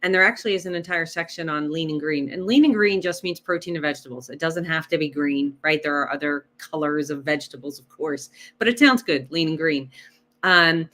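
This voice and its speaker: A woman with a deep voice talks fairly quickly in a casual podcast interview where she is a guest health coach. Animated, she explains nutrition through numbers and rhetorical questions, checking in often with "right?".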